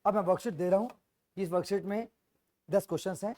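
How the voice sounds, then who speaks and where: A man's voice: high-pitched, quick pace, dark tone. A man teaching a maths class to students, affectionate but demanding as he gives out work. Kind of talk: classroom lecture in Hindi mixed with English.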